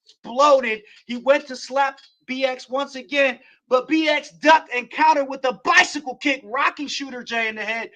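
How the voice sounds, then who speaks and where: A man hosting a wrestling show, recapping a match play by play and building to shouts at the near-falls. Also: very high-pitched, moderate pace.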